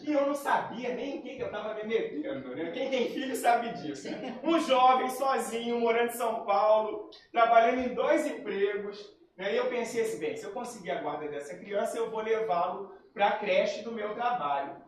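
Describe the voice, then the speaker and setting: A man's voice: high voice, lively intonation, normal speed, hardly any pauses, slight background noise. Man preaching in an echoey hall. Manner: personal storytelling, acts out quoted dialogue. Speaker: spiritist lecturer. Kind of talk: spiritist talk. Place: lecture hall. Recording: very echoey hall, far from mic.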